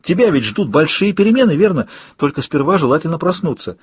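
A man reading an audiobook, voicing a gentle young woman softly coaxing a patient to wake. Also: fairly high pitch, big pitch swings, fast, breathy edge, no room sound, clean studio sound, voice pushed up. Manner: soft, coaxing, encouraging.

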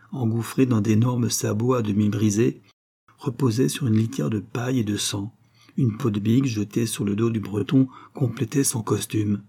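Male narrator, audiobook, measured expressive reading, mellow, husky. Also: fairly low pitch. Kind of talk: scripted narration.

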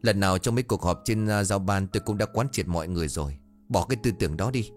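Stern older village boss played by a male narrator, low, lecturing, skeptical, for an audio ghost story. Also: fast, soft background music, lightly acted. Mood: scolding. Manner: scolding, lecturing. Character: stern skeptical older village official, hard-drinking host.

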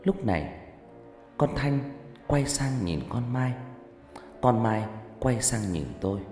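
A man narrating a first-person horror story in an expressive, dramatic way. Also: medium pitch, takes it slowly. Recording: echoey reverberant room, faint music.

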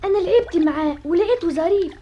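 A woman's voice: very high-pitched, quick pace, mellow, a little hiss or hum. A woman voicing an eager young jinn prince in an Egyptian radio play, insistent and wheedling, with an Egyptian accent. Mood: pleading. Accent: Egyptian Arabic. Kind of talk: 1960s Egyptian radio drama acting. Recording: dull old radio recording.

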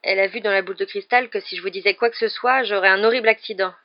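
A man's voice: sits high, fairly even intonation, very fast, no echo, lo-fi sound, voice pushed up. A man doing a timid plaintive teenage boy. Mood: anxious.

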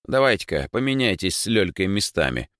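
A man's voice: low voice, sing-song, fairly quick, a bit bright, no room sound, studio quality, voice pushed up. Man doing a bossy, sarcastic schoolboy. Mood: commanding. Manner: gruff, commanding, sarcastic. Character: schoolboy Egor, bossy, sarcastic and quick to snap. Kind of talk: audiobook character voice.

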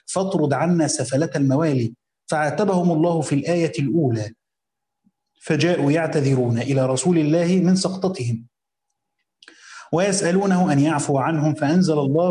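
A man with an Egyptian accent teaches from a classical commentary, reading passages carefully and breaking into relaxed colloquial notes. His voice sits a little high and sounds warm and mellow. The room gives it a noticeable echo. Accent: Egyptian Arabic. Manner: reads classical text slowly, then explains in colloquial asides.

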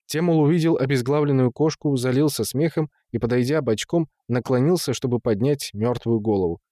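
A man narrating an audiobook in an even, unhurried reading on a close microphone. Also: medium pitch, no room sound. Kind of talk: scripted narration.

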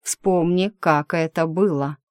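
A wounded dragon-man from a fantasy audiobook, voiced by a woman reader, speaking in a hushed, slow and tender way. The voice sits lowish. The recording is dry and close, with no room echo. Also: fairly even intonation. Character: wounded male dragon-shifter, tender and calm.

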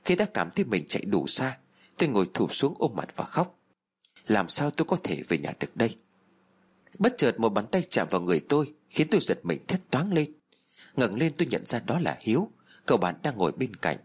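A man's voice: medium pitch, sing-song, a little fast, breathy edge. A man narrating a spooky first-person horror story in a tense, dramatic storytelling manner.

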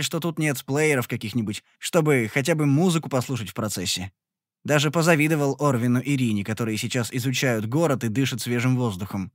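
A man narrating a fantasy audiobook in the first person with a lively, expressive reading. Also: mid-range voice, no room sound, clean studio sound.

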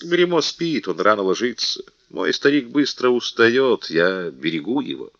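A man reading the part of a noble, dignified count and old soldier who speaks in a calm, measured way. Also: medium pitch, no room sound, lo-fi sound.

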